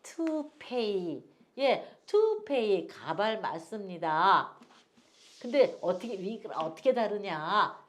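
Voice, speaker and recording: A woman's voice: medium pitch, very animated, slow pace. An older woman teaching an English phonics lesson, patiently repeating each word for learners to echo and drifting into homely stories.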